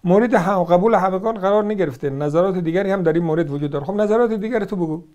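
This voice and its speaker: Speaking in a high, slightly mellow voice, a man with an Iranian Persian accent offers combative religious commentary. He mocks opposing points, refuting each in turn while peppering listeners with rhetorical questions.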